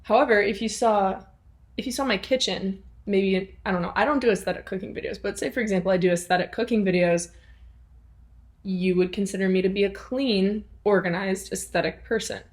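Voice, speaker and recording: A woman's voice: mid-range voice, fairly quick. Earnest young woman hosting a podcast. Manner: chatty, earnest and encouraging, with frequent restarts and rhetorical questions. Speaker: podcast host. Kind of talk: casual solo podcast talk.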